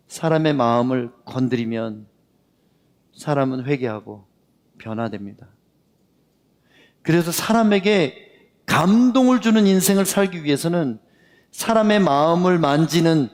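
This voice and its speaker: A man preaching a sermon, telling stories and acting out the dialogue in them. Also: fairly high pitch. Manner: lively storytelling that acts out the dialogue. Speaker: pastor. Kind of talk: sermon with storytelling. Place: worship hall. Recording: long reverb of a worship hall.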